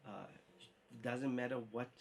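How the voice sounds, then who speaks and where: A man answering interview questions earnestly, halting and repeating words. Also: mid-range voice, fairly even intonation, vocal fry, a little hiss or hum.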